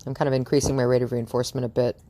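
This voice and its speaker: A woman's voice: very deep voice, little pitch movement, rapid-fire, warm tone. A woman dog trainer chatting through a training session outdoors in front of a house, cooing praise at the dog and laughing often.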